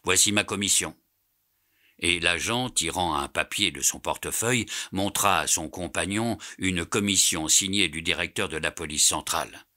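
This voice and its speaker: A man narrating a classic novel as an audiobook, in a measured storytelling way. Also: low voice, sharp tone. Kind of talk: scripted narration.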